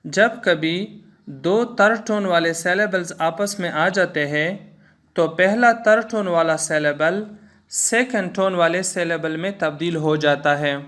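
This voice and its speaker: A man's voice: high-pitched, fairly bright tone. A man speaking with an Urdu-influenced accent, teaching a language lesson and patiently repeating each example three times. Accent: Urdu-influenced Hindustani. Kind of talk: slow spoken language lesson with repeated drills.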